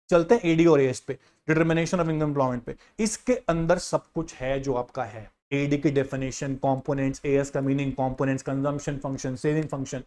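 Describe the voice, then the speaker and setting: Going through the exam syllabus on screen, this male economics teacher speaks in a voice that's a little high and a little mellow. His casual guidance style is direct and insistent, and he calls students "yaar" and "bhai."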